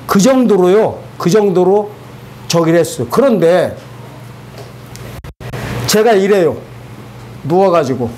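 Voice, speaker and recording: A man giving a spoken testimony to a church congregation, animated and colloquial, asking the audience rhetorical questions. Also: high voice, takes it slowly, long pauses, slight background noise.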